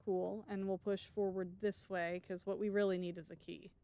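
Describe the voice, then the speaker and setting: Her voice is mid-range, smooth and dark, with vocal fry and a level tone, and she talks at a normal speed. She's a let's play streamer giving live commentary on a game, thinking aloud through her decisions in a wry, chatty way.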